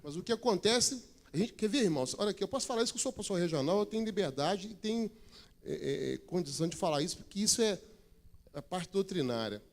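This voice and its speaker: A man's voice: high voice, expressive, fast. A man, a regional pastor, makes church announcements in a chatty, joking manner and rises to emphatic preaching.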